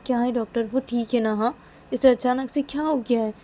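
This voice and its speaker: A woman voicing an excitable, bossy young woman in a storybook tale, talking loudly in rapid questions. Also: mid-range voice, gravelly, breathy edge, full character voice. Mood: anxious.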